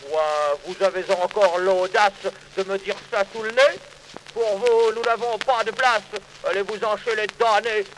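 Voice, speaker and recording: A man's voice: high-pitched, animated, a little slow, fairly bright tone, slight background noise, low-quality recording. A man voicing a stern, scolding old saint who guards the gate of heaven in a recited poem. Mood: indignant. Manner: gruff, scolding.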